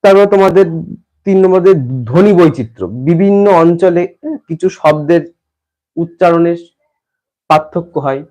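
A man's voice: sits high, moderate pace, long pauses, mellow, low-quality recording. A man from West Bengal teaching an exam-prep lesson to students. He often repeats phrases and restarts as he explains.

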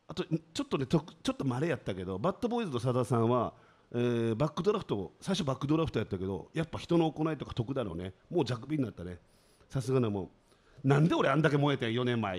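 A man's voice: mid-range voice, a little mellow. A man, hosting a casual comedy radio talk in a sardonic, self-mocking, grumbling way. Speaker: radio show host. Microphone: studio microphone.

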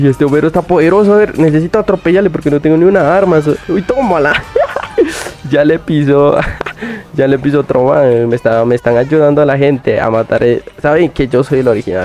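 Excitable young man yelping through gameplay. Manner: excitable, yelps "uy" constantly, laughs often, voice jumps high when startled. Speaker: gaming youtuber.

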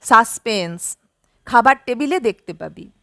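A woman voicing a playful, quick-witted young wife who answers her guest with sly jokes, in an audiobook story. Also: a little high, animated, gravelly, pushed and bright, no echo, clean studio sound, pitched below the performer's own voice, full character voice.

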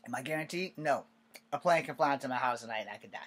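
A man's voice: mid-range voice, fast talker, fairly bright tone. A man about to turn fifty, talking to his webcam in a cluttered bedroom, wry and sarcastic, swearing now and then. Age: 40s. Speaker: vlogger. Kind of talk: casual webcam monologue. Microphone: webcam at desk distance.

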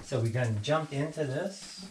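This is a sixty-something American man hosting an easygoing home cooking vlog, narrating step by step in a small kitchen and often correcting himself. His voice runs a little high, and he talks at a moderate pace. Sizzling and frying make the kitchen recording noisy.

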